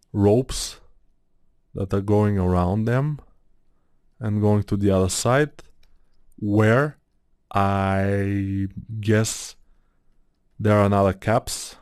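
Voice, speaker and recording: A man's voice: lowish voice, fairly even intonation, very slow, long pauses, darkish tone, smooth, no echo, studio quality. A man with an Eastern European accent, chatting in a meandering way while he works through a modeling tutorial, thinking aloud with many fillers. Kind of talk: casual rambling tutorial talk.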